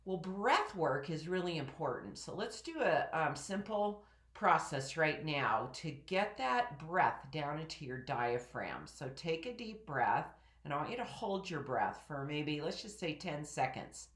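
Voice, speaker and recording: A middle-aged woman with a head cold, calmly coaching listeners through a lesson on speaking up and breathing from the diaphragm. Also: sits low, measured pace, echoey room. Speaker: personal development teacher. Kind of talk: instructional talk to camera.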